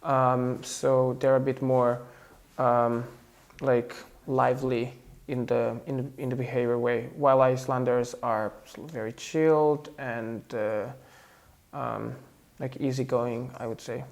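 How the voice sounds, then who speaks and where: A man's voice: medium pitch, little pitch movement, a little slow, gravelly. Hesitant young man with a Serbian accent. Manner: hesitant, many fillers and restarts. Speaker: interviewee. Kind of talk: casual interview talk.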